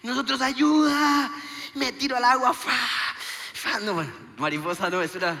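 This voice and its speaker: A man tells a stand-up story in a very high, piercing bright voice with a gravelly edge. He swings his pitch widely as he acts out the dialogue. Long hall reverb trails behind him. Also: rapid-fire, a little hiss or hum. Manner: animated, acts out every line of dialogue. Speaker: comedian.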